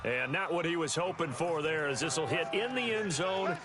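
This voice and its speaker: A man voicing a football play-by-play announcer in a sports video game, calling the action in a brisk, measured way. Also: a little high, expressive, close to an everyday voice. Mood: upbeat. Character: adult male football announcer, steady and upbeat. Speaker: play-by-play commentator. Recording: loud game sound underneath.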